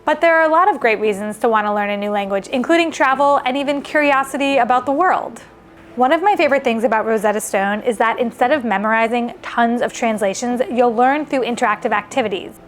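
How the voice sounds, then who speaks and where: A woman's voice: fairly high pitch, quick pace, a little hiss or hum. A woman hosting a casual cooking vlog, chatty and upbeat, thinking aloud as she cooks. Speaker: cooking video host.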